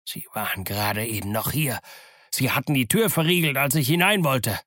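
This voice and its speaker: A man's voice: mid-range voice, expressive, normal speed, a bit bright, no echo, clean studio sound, voice pushed up. A man voicing a furious blind old pirate beggar who barks orders and curses his men. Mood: furious, commanding. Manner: barking orders, cursing.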